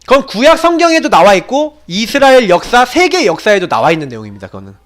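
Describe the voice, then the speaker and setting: A man's voice: high voice, fast talker. A man preaching a sermon as pastor, telling the story with emphasis and asking the congregation rhetorical questions. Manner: animated storytelling delivery.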